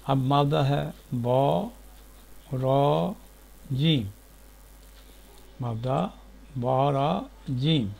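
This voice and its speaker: A man teaching word origins in a slow, deliberate lecture, spelling out letters one by one, recorded in a sitting room at home. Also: medium pitch, vocal fry, a little mellow, slight background noise, poor audio. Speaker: etymology teacher.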